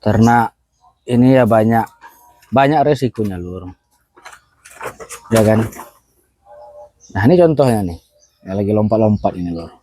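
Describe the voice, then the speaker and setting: A man, a goat farmer, talking in a relaxed and chatty way outdoors at his goat pen, tagging his sentences with little asides. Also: lowish voice, a little slow, long pauses. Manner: relaxed and chatty, keeps tagging phrases with "Lur" and "ya kan". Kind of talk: casual vlog chat.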